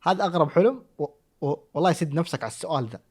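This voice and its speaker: A man's voice: a little high, expressive, racing. A man with a Hejazi Saudi accent, a content creator answering follower questions in playful, teasing chat. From Saudi Arabia, Jazan. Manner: playful, teasing, jumps between loud bursts and mutters. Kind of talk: casual chat.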